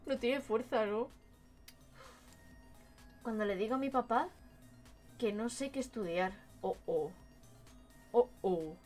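A woman's voice: a little high, takes it slowly, long pauses, darkish tone, soft background music. A woman with a Madrid Spanish accent, a cute anime-style streamer reacting casually and expressively on a livestream. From Madrid, Spain. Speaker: VTuber streamer.

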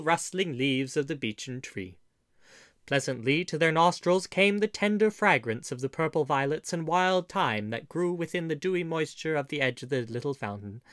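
A man's voice: a little high, no room sound. Theatrical storyteller man, dry close voice. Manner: warm theatrical storyteller, old-fashioned phrasing. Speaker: audiobook narrator. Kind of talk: storytelling audiobook narration.

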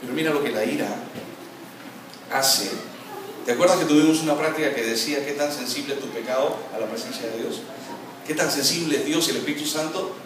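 A male pastor preaching an animated sermon with a Latin American Spanish accent, sometimes mimicking quarrelling voices. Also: mid-range voice, brisk. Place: church hall. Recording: very echoey hall, from far off, noisy.

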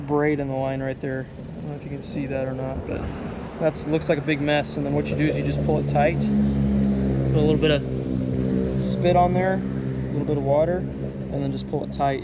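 A young man in his twenties talks into a phone camera held at arm's length while fishing beside a creek. His talk is relaxed and rambling, full of fillers. Traffic and road noise hum clearly behind him. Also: mid-range voice, fairly quick. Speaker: fishing vlogger. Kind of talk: casual outdoor vlog. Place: outdoors by a creek under a highway overpass. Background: traffic and outdoor ambience.

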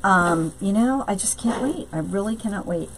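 A woman's voice: medium pitch, expressive, moderate pace, slight background noise, low-quality recording. A middle-aged woman, hosting a casual craft live stream, bubbly and greeting viewers by name.

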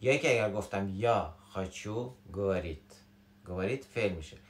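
A man's voice: fairly low pitch, reverberant. A man with a Shirazi Persian accent giving a casual spoken language lesson, playful and acting out everyday examples. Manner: playful, acts out everyday examples, swings between animated and quiet. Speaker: Russian language teacher.

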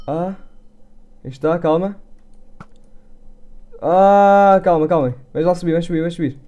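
A man's voice: fairly high pitch, moderate pace, dark tone, dull audio. A man with a European Portuguese accent commentating his own Minecraft gameplay, muttering and repeating words under his breath as he plays. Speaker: gaming YouTuber.

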